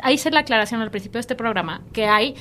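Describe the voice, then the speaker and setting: A woman with a Mexican accent co-hosting a comedy podcast, teasing and animated as she chats. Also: a little high, quick pace, a loud crowd. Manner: animated and teasing, often mimics older ladies. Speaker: podcast co-host. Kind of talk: casual comedic chat.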